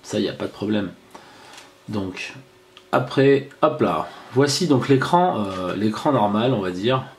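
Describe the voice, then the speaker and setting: A man giving a casual hands-on product review, chatty and halting with frequent fillers and restarts. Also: on the low side, animated, slight background noise.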